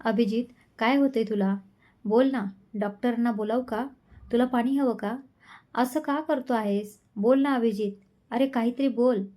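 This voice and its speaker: An anxious, caring young man who fires off urgent questions, as a woman storyteller voices him. The voice is high-ish and mellow. It belongs to an audio storybook drama. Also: normal speed, natural voice. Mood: worried.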